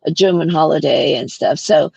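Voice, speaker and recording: A woman's voice: low voice, normal speed, vocal fry, warm tone, slightly rough, dry recording, highs cut off. A middle-aged woman from Malaysia, a company founder chatting as a guest in an interview, often restarting and tagging her sentences with "right?". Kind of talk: casual interview chat.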